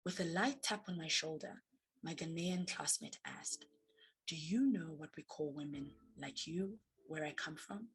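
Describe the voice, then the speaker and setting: A woman's voice: low-pitched, unhurried, breathy edge, rough recording. A woman from Zambia reading her own reflective personal story as recorded narration. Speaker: student storyteller. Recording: narration with faint background music.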